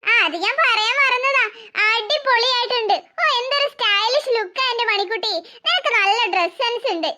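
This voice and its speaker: A woman voicing a smooth-talking teenage boy in a cartoon who flatters one girl and teases another. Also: very high voice, normal speed, background noise. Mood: flattering. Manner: teasing, flattering.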